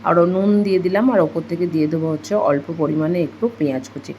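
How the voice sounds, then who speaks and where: A woman's voice: sits low, racing, mellow, a little hiss or hum, rough recording. A young woman with a Bengali accent, narrating her daily homemaking vlog in a chatty, rambling way full of fillers. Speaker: homemaker vlogger.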